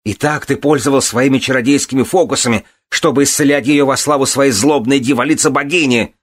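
A man voicing a grief-stricken young man who shouts furious accusations. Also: mid-range voice, a little fast, voice pushed up, natural voice. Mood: furious shouting. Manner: shouting, frantic.

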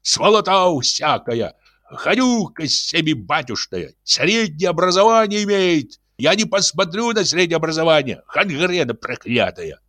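A man's voice: a little high, sing-song, a little slow, fairly bright tone, no room sound, clean studio sound, pitched above the performer's own voice. A man voicing a coarse, drunken male yard janitor who bellows curses. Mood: furious yelling. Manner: bellowing curses, crude and furious.

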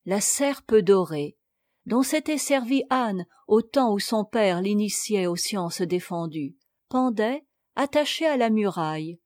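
A woman narrating a classic tale as an audiobook reader, in a slow, deliberate reading. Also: mid-range voice, darkish tone, no echo, clean studio sound. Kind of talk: scripted narration.

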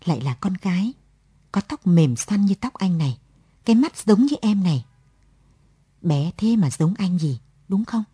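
A young father, dazed and wondering, in a late-night radio story, as a woman narrator reads his lines. The voice is husky and mellow, kept close and dry. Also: lowish voice, expressive, normal speed, long pauses, no room sound. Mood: tender. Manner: dazed then exultant.

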